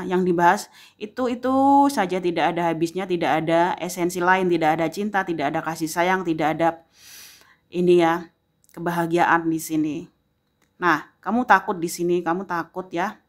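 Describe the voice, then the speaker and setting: A woman with a somewhat low voice gives a tarot reading, speaking directly to the listener. She moves at an unhurried pace and leans on repetition, returning to the same phrases for emphasis. Nearly every phrase ends with a gentle "ya". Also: steady tone. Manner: addresses the viewer directly, filling pauses with a frequent "ya". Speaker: tarot reader.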